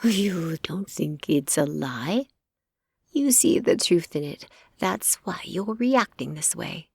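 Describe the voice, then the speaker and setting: A woman voicing a sly, cruel old witch in an audiobook who speaks in a measured, mocking tone. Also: fairly low pitch, lively intonation, creaky, a little mellow, husky, dry recording, clean studio sound, heavily acted.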